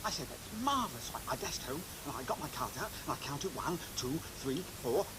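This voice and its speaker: A man's voice: medium pitch, lively intonation, a little fast, background noise. A British man giving comic magic patter like a children's party magician, playful and bumbling with theatrical asides. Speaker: magician entertainer.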